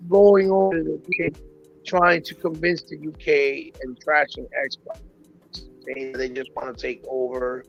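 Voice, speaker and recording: A man's voice: fairly high pitch, level tone, a little slow, gravelly. Man on a call breaking up. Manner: rambling, restarts and repeats often. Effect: choppy online call audio breaking up. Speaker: remote podcast guest. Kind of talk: casual opinionated chat about gaming business. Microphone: remote call connection. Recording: muffled lo-fi call audio, faint music behind.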